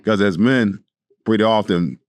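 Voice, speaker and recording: A middle-aged man speaks in a low, deep voice on a studio panel, talking plainly about fatherhood. He repeats his key points for emphasis, and the room sounds dry and close. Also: a little slow, no echo. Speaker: fatherhood program director, retired police officer. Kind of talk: casual panel talk. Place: podcast studio.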